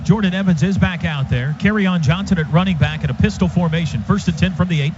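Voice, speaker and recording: Talking fast in a high-pitched voice, this man delivers live radio play-by-play of American football using short, descriptive bursts. It's a dull-sounding radio recording where the background noise comes through clearly.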